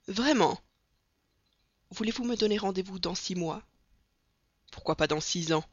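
A reader voicing a brash, loud American colonel. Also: mid-range voice, measured pace, husky, dry recording. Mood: scornful. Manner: loud and scornful. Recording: dull, dry recording.

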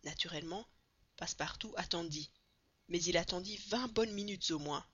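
Bright-voiced woman narrating an audiobook. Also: lowish voice, normal speed, slightly rough, dull audio. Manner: expressive reading, building excitement at dramatic moments. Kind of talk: scripted narration of a classic novel.

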